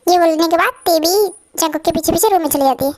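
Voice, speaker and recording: A woman's voice: extremely high pitch, quick pace, a little mellow, no echo, studio quality. A woman narrating a fan-dubbed story in a plain, matter-of-fact way.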